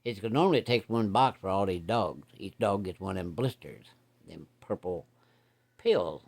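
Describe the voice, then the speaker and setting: A man's voice: low-pitched, animated, normal speed, gravelly, darkish tone. A middle-aged man telling a childhood story in a casual, plainspoken way, using folksy rural grammar.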